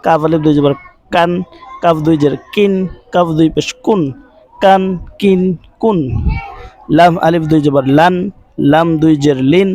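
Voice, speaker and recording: A man with a fairly high voice teaches a recitation class, chanting syllable after syllable in a steady drill and lifting his pitch on each recap. The sound is close and dry, with no room behind him. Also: unhurried, long pauses, dry recording, low-quality recording. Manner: patient, asks listeners to repeat after him. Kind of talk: recorded online class.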